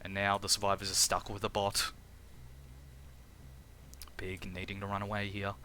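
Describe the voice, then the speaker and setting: Bright-voiced Australian game caster. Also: male voice, on the low side, moderate pace, a little hiss or hum. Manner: energetic, chatty, restarts phrases, laughs at own jokes. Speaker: tournament caster and streamer. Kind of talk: live game commentary.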